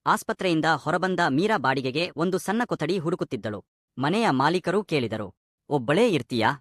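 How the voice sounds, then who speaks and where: A man narrating a scripted moral story in a lively, expressive reading. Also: on the high side, a little fast, dry recording, clean studio sound.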